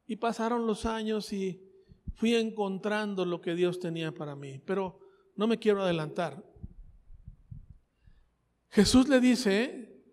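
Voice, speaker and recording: Speaking at normal speed in a steady, high voice with a darkish tone, a Mexican-accented man delivers a sermon built around his personal testimony. He keeps it conversational, repeats phrases, and asks the congregation questions, all in a reverberant church hall.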